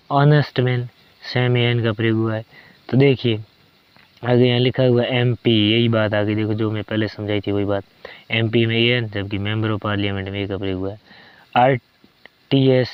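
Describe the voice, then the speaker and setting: A man's voice: medium pitch, smooth, dry recording. A man teaching an English grammar lesson in Hindi, stretching out each example word as he explains it. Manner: slow and deliberate, drawn-out example words. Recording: dry, dull lo-fi sound.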